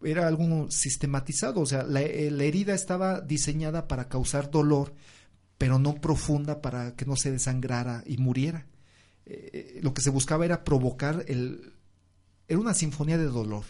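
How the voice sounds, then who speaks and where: A man's voice: steady tone, moderate pace, dark tone. A man giving a reflective, devout personal testimony in conversation, with many filler sounds. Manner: acts out quoted speech with raised pitch.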